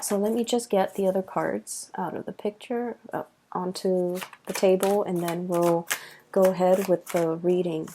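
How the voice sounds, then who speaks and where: Tired tarot-reading woman, mellow voice. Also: lowish voice, steady tone, moderate pace, slight background noise. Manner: hesitant, many fillers and restarts. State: tired, late at night. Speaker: tarot reader.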